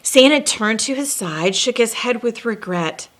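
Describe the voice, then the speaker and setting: A woman storyteller reads a children's picture book aloud with plenty of expression, adding dramatic pauses and chatty asides as host. Her voice is on the high side and expressive.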